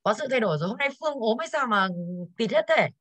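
A woman's voice: on the high side, animated, quick pace, fairly bright tone, dry recording. A woman English teacher going over exercises in an online class, tired and coughing now and then, who keeps putting questions to her students.

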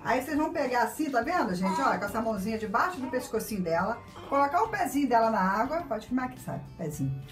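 Female instructor, casual demo, bright and sing-song, coos with diminutives, baby crying behind. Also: a little high, very animated, fast, few pauses. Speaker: instructor demonstrating baby care. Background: baby crying and music.

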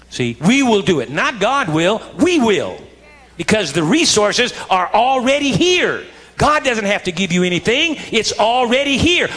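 High-voiced preacher in a big echoing hall. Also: male voice. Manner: animated, folksy preaching that swings from quiet asides to shouts. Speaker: pastor. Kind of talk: live sermon. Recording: long reverb of a large hall.

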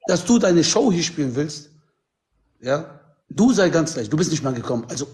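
A man's voice: fairly high pitch, big pitch swings, moderate pace, darkish tone, slight background noise. A man arguing heatedly and insistently on a group video call, talking over the others. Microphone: video call on phone or computer.

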